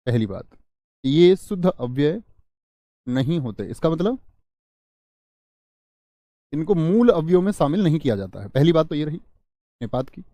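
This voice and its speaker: A man from India teaches Hindi grammar in a live online class, slowly repeating key phrases, quizzing viewers and answering their chat. His voice is fairly high and sing-song with a dark tone, and there's no room sound.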